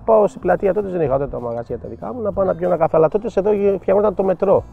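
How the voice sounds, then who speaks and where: A man's voice: high-pitched, vocal fry. Older male coach, raised voice, tells stories with quoted back-and-forth, dull lo-fi sound, faint music behind. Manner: animated anecdotal, acts out quoted dialogue. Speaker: football coach. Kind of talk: storytelling interview.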